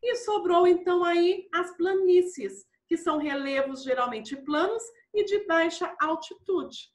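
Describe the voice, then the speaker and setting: A woman's voice: very high-pitched, a little slow, reverberant. A woman teaching a primary school class, patiently walking through exercises and often checking in with the children. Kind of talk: classroom lesson walkthrough.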